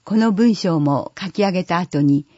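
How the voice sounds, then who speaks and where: A steady, measured voice reads an audio newsletter aloud, dark and a little husky. The recording is dull and lo-fi, with no room sound around it. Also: medium pitch, no room sound. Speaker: reader of a newsletter for the blind.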